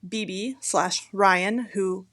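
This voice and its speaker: A woman's voice: medium pitch, fairly even intonation, takes it slowly, a bit bright. Woman, podcast co-host and cop; blunt, sarcastic, swears a lot. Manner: blunt, profane, teasing. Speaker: podcast co-host, police officer. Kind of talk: casual podcast chat.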